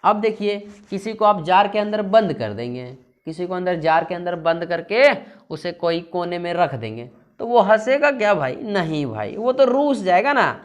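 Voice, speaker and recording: Lively man coaching students through exam questions. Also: high-pitched, moderate pace, hardly any pauses, lo-fi sound. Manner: lively, coaxing, often calls the listener "brother"; asks questions and answers them himself. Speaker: teacher. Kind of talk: exam-prep lesson with memory tricks.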